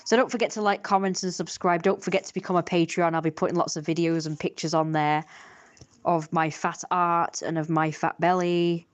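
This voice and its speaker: During a livestream, an artist draws while chatting in a casual, rambling, self-critical way. She has a lowish voice with fairly even intonation and speaks fairly quickly.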